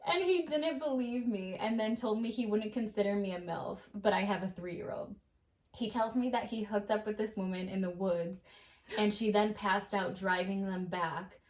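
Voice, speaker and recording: A woman co-hosting a podcast, a mother telling stories in casual chat, animated and swearing freely. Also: mid-range voice, moderate pace. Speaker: podcast co-host.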